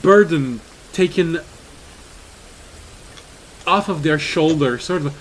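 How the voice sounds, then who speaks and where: A man's voice: on the high side, takes it slowly, rough recording. A man narrating a tabletop game as game master, chatty, with fillers and laughs. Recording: faint hiss in the background.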